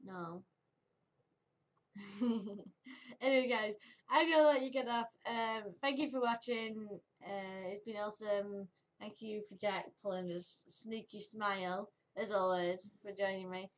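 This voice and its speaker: A woman's voice: medium pitch, measured pace. A woman chatting casually to camera for her vlog, giggly and upbeat. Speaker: vlogger.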